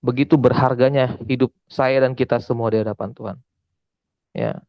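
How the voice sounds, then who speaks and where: A man's voice: mid-range voice, steady tone, moderate pace, no room sound, dull audio. A man preaching and giving a testimony in a conversational, emphatic way, often calling out to his listeners. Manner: conversational, addresses listeners as saudara, emphatic repetition. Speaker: evangelist preacher. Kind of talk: sermon testimony.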